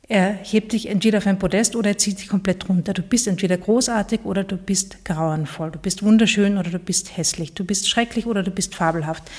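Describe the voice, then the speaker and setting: Woman, podcast coach, warm mellow tone, earnest, keeps checking in with the listener. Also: mid-range voice. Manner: earnest, addresses listener directly, frequent "ja?" check-ins. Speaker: podcast host.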